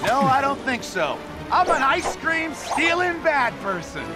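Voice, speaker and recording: A cocky young superhero in a cartoon game. His voice is high and lively, with playful menace in it. Loud music runs underneath. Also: a little slow, exaggerated voice. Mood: teasing menace. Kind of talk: animated video game acting. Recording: loud music and battle sounds behind.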